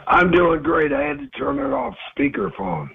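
A man in his late sixties calling in to a radio show, with a very raspy, breathy, whisper-like voice, speaking plainly and encouragingly. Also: very high voice, wildly swooping pitch, normal speed. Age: late 60s. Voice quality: very raspy, breathy, whisper-like voice from a removed vocal cord. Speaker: phone-in caller. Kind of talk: casual radio call-in. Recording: muffled, narrow phone line.

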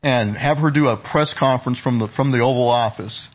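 A man's voice: mid-range voice, brisk, low-quality recording. A man hosting a political talk show, conversational, with casual, punchy phrasing.

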